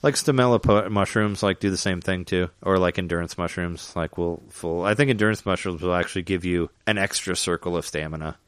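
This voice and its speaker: Deep-voiced man rambling about a game. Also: brisk, hardly any pauses, smooth, no echo. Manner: rambling, full of fillers and restarts. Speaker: gamer chatting. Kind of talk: casual chat.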